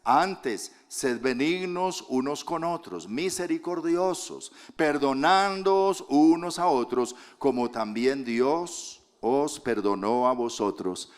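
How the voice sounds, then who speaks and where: A man preaching a sermon with a Colombian accent, his voice sitting at an ordinary middle pitch. He swings between loud, emphatic declarations and soft, hushed asides to the congregation. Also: takes it slowly, hardly any pauses. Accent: Colombian Spanish. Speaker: pastor.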